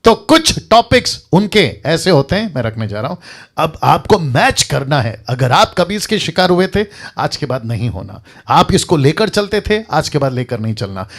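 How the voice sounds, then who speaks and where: Man, pastor's sermon, rises and falls a lot, fairly high voice. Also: big pitch swings, normal speed, fairly bright tone. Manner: emphatic, preachy, mixes English phrases, repeats lines for effect.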